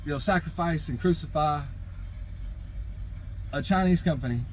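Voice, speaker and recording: Casting: male vlogger with a slightly high voice, exasperated off-the-cuff rant, heavy profanity, stumbling repeats, noisy background. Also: moderate pace. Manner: exasperated, rambling, profanity-laden ranting; repeats and stammers over phrases while hunting for words. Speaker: knife review vlogger. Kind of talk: unscripted opinion rant to camera.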